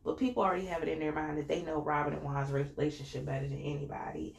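Gravelly low-voiced woman, chatty podcast host. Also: steady tone, fast talker, reverberant. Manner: chatty and slangy, with many fillers. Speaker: podcast host reviewing a reality show. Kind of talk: casual chat.

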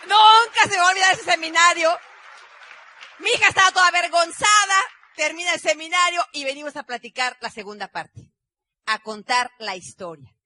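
A bright, high-pitched woman. She tells her story in a lively, animated way, rising at times to a shout. Her voice is recorded close and dry. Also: a little fast, no room sound. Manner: animated, acts out quotes, often shouts. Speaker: business seminar speaker. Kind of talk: motivational storytelling talk.

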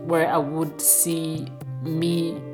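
A woman with a Burundian accent, telling her own story in a casual, halting, conversational way. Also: low-pitched, level tone, over music. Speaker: radio show participant telling her story.

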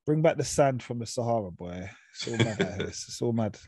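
A man's voice: mid-range voice, animated, a little fast, dark tone, slightly rough, no room sound. London roadman-accented man hosting a chat. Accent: London, urban street. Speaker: podcast host. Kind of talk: casual chat, street slang.

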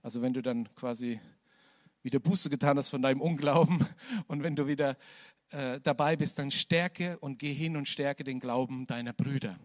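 A man's voice: fairly even intonation, no echo. German preacher man, dry close sound. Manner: swings from soft, slow, hushed passages to loud, high, shouted climaxes. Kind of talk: sermon.

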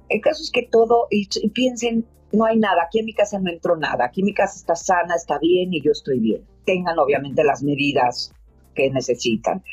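A woman's voice: fairly low pitch, breathy edge. A Mexican woman who leads a codependency support group, giving rambling, chatty advice full of fillers. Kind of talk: casual advice talk. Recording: dull lo-fi audio with faint music.

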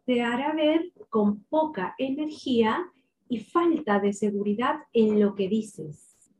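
A woman coaching listeners on their speaking voice, pitched a little high and talking unhurriedly. She sets out numbered tips and pronounces every syllable with care. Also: a little mellow. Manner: slow, deliberate, clearly articulated delivery. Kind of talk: instructional tips to camera.

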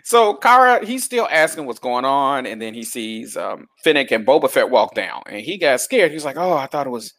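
A man's voice: mid-range voice, normal speed, few pauses. A man hosting a stream, casually recapping an episode and acting out the characters' lines as he goes. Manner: animated retelling that acts out the characters' lines. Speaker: stream host.

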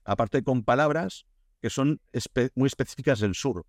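A man's voice: mid-range voice, moderate pace, dry recording, clean studio sound. A man from Spain with a Spanish accent, a guest in a casual podcast interview, telling stories with lots of fillers and restarts. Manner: animated storyteller, many restarts and fillers. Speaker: guest, Korea expert.

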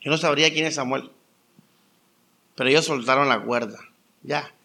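A young adult man preaching a conversational sermon, telling stories with lively rhetorical questions. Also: medium pitch, moderate pace, creaky. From Colombia. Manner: animated storytelling with rhetorical questions. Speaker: pastor.

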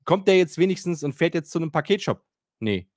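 Against background noise, a fast-talking man with a high-sitting voice tells a story in casual chat. He rants animatedly and acts out quotes, and he swears casually and uses many fillers.

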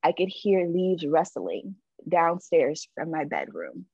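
A woman's voice: sits low, sing-song, slow pace, vocal fry, a little mellow, slightly rough, no echo. Candid woman telling a story, muffled audio. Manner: candid and emphatic, many "like" and "right?" asides. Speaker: podcast guest. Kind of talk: personal storytelling in conversation.

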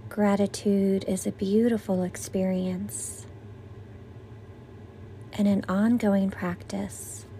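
A woman leading a guided meditation as its teacher, soothing and gentle like a sleep story narrator, with breathy exhales on breathing cues. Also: medium pitch, flat delivery, slow, pauses often, a little hiss or hum.

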